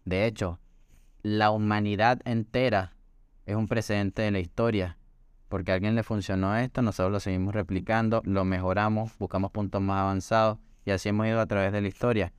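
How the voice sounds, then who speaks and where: This man co-hosts a casual podcast chat in a low, resonant voice. He speaks in a reflective, explanatory way, building his points step by step. The sound is close and dry. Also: level tone, brisk, clear, resonant tone, no room sound. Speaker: podcast co-host.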